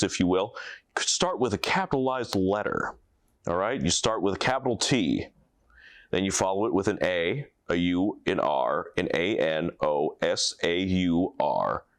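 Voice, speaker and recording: A man acts out a pompous, over-relaxed comedy interviewee. His voice is low with big swings in pitch. He pauses dramatically in a dry recording. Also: no echo. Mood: pompous, self-assured. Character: pompous, over-relaxed male interviewee spouting mock philosophy.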